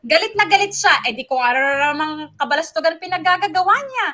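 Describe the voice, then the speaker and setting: A woman with a high, very bright voice giving listeners heartfelt advice. She talks earnestly in Taglish and keeps checking in with her co-host. Her delivery is warm in intent but sharp in tone. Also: lively intonation, fairly quick. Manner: earnest, Taglish, many tag questions.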